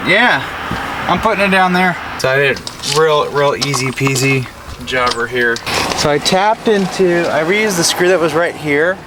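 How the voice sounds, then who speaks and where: A young adult American man with a higher-pitched voice vlogs a DIY install in his parked pickup, sitting in the cab with the door open. He chats casually and slowly with lively intonation, laid-back, slangy, and folksy, as he works. The camera sits an arm's length or more away, and road and vehicle noise come through clearly from outside.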